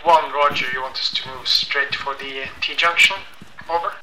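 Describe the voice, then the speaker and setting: A man's voice: medium pitch, steady tone, normal speed, bright, forceful tone. A man giving clipped radio procedure calls over an in-game radio. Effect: heard over an in-game radio. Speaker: squad radio operator in a military sim game. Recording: distant radio voice with background noise.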